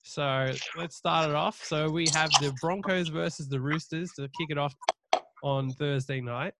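A man's voice: a little high, fairly even intonation, moderate pace, very noisy. A man hosting a podcast in casual sports betting banter, teasing and swearing freely. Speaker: podcast host.

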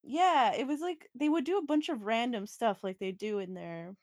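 A woman's voice: a little high, normal speed, no room sound, clean studio sound. A young woman co-hosting a casual podcast, rambling with many fillers and frequent giggles. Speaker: podcast co-host. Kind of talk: casual chat. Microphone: home mic, online call.

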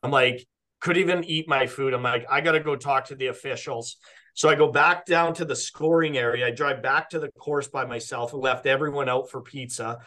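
A young man from Canada, a podcast guest, telling a rambling, animated story in casual chat and often quoting himself. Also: mid-range voice, a little fast. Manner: rambling, animated retelling with quoted self-talk and frequent "like".

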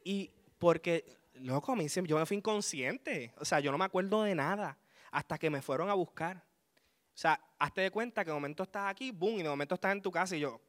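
Man in his thirties sharing his testimony before a congregation; animated and chuckling, with a sharp, bright, fairly high voice. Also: a little fast. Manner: lively storyteller, chuckles as he talks. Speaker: speaker giving a testimony.

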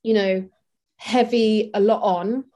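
A woman's voice: medium pitch, fairly even intonation, takes it slowly, dark tone. A woman, a makeup artist, talking casually and practically in an interview, with many fillers.

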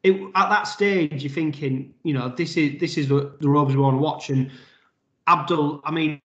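A man's voice: on the high side, fairly even intonation, normal speed, a bit bright. A man, co-hosting a casual rugby league podcast, breaking down plays in a chatty, analytical way. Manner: chatty, analytical, many fillers. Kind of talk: casual sports chat. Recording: dull roomy podcast audio.

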